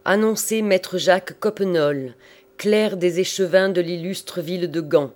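A man voicing a pompous, flustered cardinal who speaks out loud and formally in a storybook reading. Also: high voice, unhurried, voice pushed up.

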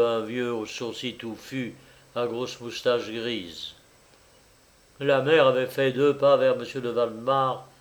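A man narrating a story as an audiobook in a measured way. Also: mid-range voice. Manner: slow, measured reading.

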